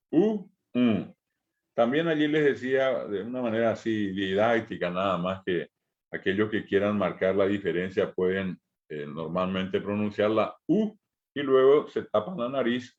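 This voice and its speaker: A middle-aged man with a Paraguayan Spanish accent teaching a language lesson, slowly repeating each sound for learners to copy. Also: on the low side, a little mellow, muffled recording.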